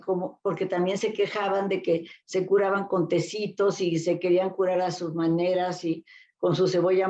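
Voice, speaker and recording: An older woman with a Mexican Spanish accent, a guest therapist, tells rambling stories from her career in a casual interview, full of fillers and restarts. Her pitch is fairly low and a little mellow, and the recording sounds muffled.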